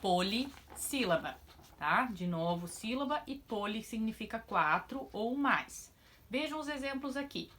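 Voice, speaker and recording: A woman teacher giving a lesson to young pupils, stretching words out slowly into syllables in a sing-song way. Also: a little high, animated, fairly bright tone. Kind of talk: children's lesson.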